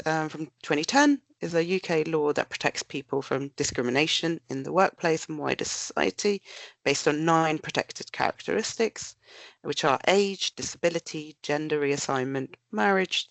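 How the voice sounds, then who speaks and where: Bunged up with a cold, a woman research director delivers a prepared webinar talk in a deep, gravelly, nasal voice. The recording is dry.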